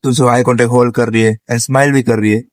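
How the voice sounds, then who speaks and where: A young man talks through dating advice in a loose, chatty way, laughing often and switching between Hindi and English. His voice sits at an ordinary pitch and sounds dry and close, with no room around it. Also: fairly even intonation, racing, no room sound. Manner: chatty, addresses listener as bro. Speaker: vlogger giving dating advice. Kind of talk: casual advice monologue.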